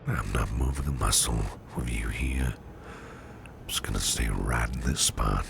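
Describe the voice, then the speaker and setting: A caring businessman boss, acted by a man for an ASMR roleplay, speaks in an extremely deep, heavily creaky murmur that often slips into whisper. He is gentle, protective and reassuring, taking his words slowly. Clear background noise sits behind the voice. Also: heavily acted. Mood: soothing, tender. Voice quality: breathy near-whisper with gravelly fry. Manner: tender, slow, reassuring murmur. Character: Grimwald, gentle protective businessman boss comforting an exhausted employee. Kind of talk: ASMR roleplay, soothing personal attention.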